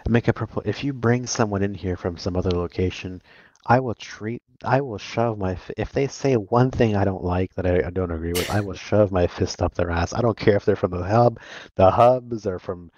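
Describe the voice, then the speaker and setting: A man's voice: on the low side, moderate pace, darkish tone, dry recording, lo-fi sound. A man in casual argumentative chat, blunt, crude and dismissive, often repeating himself.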